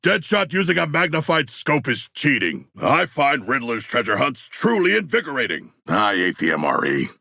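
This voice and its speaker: Gravelly, formal shark warrior, King Shark. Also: medium pitch, wildly swooping pitch, moderate pace, hardly any pauses, sharp tone, dry recording, clean studio sound, heavily acted. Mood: matter-of-fact. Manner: formal, stilted, grandiose diction. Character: huge earnest humanoid shark warrior, formal and bloodthirsty. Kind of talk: video game character voice acting.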